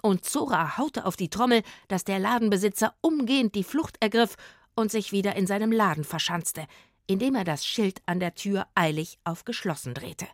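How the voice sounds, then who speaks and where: A woman reading a children's story aloud in a lively, expressive narration. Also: medium pitch, moderate pace, dry recording, clean studio sound.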